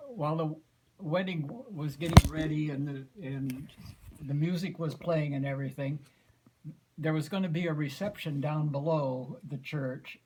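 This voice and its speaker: An American man in his eighties telling a folksy, unhurried story informally to family, often clearing his throat. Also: on the high side, a little mellow, slight background noise, low-quality recording. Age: 80s. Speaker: grandfather giving an anniversary speech.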